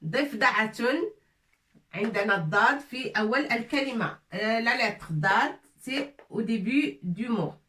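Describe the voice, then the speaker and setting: A woman teaching a language lesson slowly and patiently, repeating each word and asking her viewers questions. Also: fairly high pitch, expressive, fairly bright tone, roomy sound, distant mic. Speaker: Arabic teacher.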